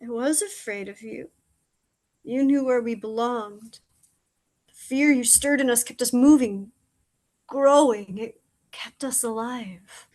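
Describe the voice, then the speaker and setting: Crow: high, slow-spoken bird, desperate and pleading, read by a woman. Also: darkish tone. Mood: wistful. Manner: pleading, breathless, grows frantic. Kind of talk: audio drama reading.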